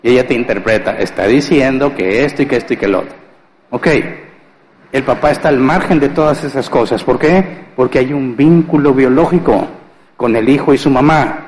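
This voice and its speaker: A man preaches a Sunday sermon at a middle pitch. He keeps posing questions to the congregation and answering them himself. His voice carries a long reverb from a church hall. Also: normal speed, a little mellow. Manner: conversational, asks rhetorical questions and answers them; acts out household scenes with humor. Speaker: pastor.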